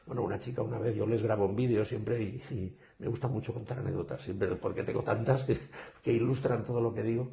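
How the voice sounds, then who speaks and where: Man, speaking coach, lively storyteller, dark gravelly voice, video call. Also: lowish voice, fast talker, a little hiss or hum. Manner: animated storyteller, acts out quoted students. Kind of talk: interview answers.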